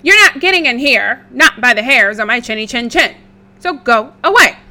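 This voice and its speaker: A woman voicing a young male pig who refuses firmly and loudly. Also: a little high, expressive, normal speed, heavily acted. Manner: firm, loud refusals. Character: young male pig protecting his sister.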